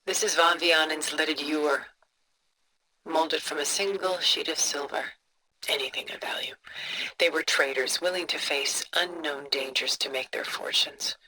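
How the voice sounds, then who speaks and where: An actress playing a cultured, composed older woman who collects art, with a refined, measured, contemplative delivery for a video game. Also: sits low, steady tone, a little hiss or hum, poor audio. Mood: reflective, admiring. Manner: refined, measured, contemplative, soft breathy phrase endings. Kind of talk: video game character dialogue, museum-guide storytelling.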